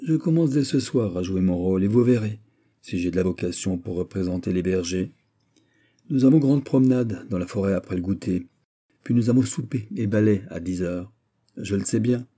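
A man's voice: low-pitched, moderate pace, warm tone. A man voicing a young king who banters gallantly in an audiobook reading. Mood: playful. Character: playful, lovestruck young king.

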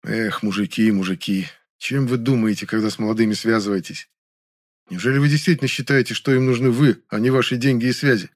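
A man narrating a first-person audiobook in a calm, wry tone. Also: mid-range voice, fairly quick, dry recording, studio quality.

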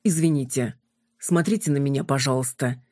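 A woman's voice: very deep voice, moderate pace, a little mellow, dry recording, clean studio sound. A woman reading an audiobook, voicing a blond male vampire who speaks in a strained, clipped way.

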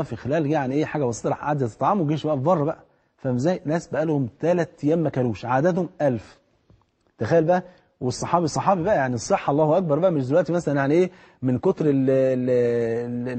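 A man's voice: on the high side, breathy edge. A middle-aged man with an Egyptian accent preaching a storytelling sermon, acting out the people in his story. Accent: Egyptian Arabic. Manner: animated, acts out the people in the story.

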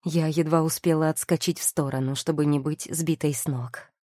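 A woman narrating an audiobook in the first person, measured and expressive, on a close mic. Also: sits low, no room sound.

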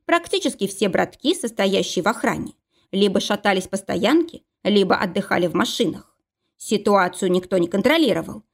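A woman narrating a first-person audiobook in a steady, even reading style. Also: mid-range voice, normal speed, vocal fry.

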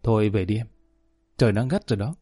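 Man voicing gentle young man, coaxing, soft, dark mellow voice. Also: medium pitch, lively intonation, fairly quick, slightly rough, no room sound, clean studio sound, soft background music.

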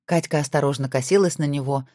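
A woman's voice: low-pitched, quick pace, warm tone, dry recording. Woman narrating a novel, dry and close. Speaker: audiobook narrator.

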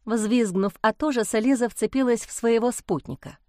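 A woman reading a fairy-tale audiobook chapter as narrator, in an even storytelling manner. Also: fairly high pitch, normal speed, dry recording, studio quality. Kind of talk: scripted narration.

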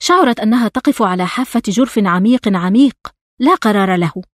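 A woman reads a novel aloud in a measured, intimate storytelling voice. Her pitch sits in the ordinary middle range. The sound is close and dry, with no room around it. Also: animated, dry recording. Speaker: audiobook narrator. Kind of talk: literary audiobook narration.

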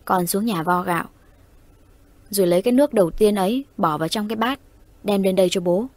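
A woman voicing an elderly grandfather who gives firm, calm instructions in a horror audio story. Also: mid-range voice, brisk, no echo, close to an everyday voice. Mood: instructing.

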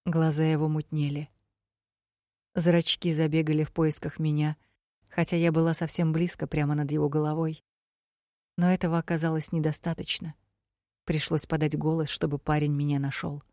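Woman, young adult, audiobook narrator, low mellow voice, steady measured reading, dry close sound. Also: no room sound. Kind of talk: first-person fantasy narration.

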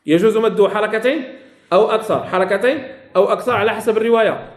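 Man, recitation teacher, repeats himself, quizzes the class, high voice, roomy classroom echo. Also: fast talker. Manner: repeats key phrases, quizzes students. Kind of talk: classroom lesson on tajweed rules.

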